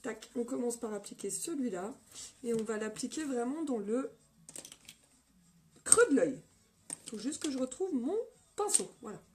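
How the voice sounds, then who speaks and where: A woman with a slightly hoarse voice hosting a casual live-stream makeup tutorial on her phone, upbeat and greeting viewers by name. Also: a little high, lively intonation, a little slow, pauses often, darkish tone, a little hiss or hum.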